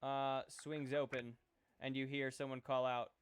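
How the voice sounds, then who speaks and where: A man's voice: medium pitch, level tone, clean tone. A man running a tabletop role-playing game, talking casually with many fillers and restarts. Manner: halting, full of fillers, casual. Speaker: game master.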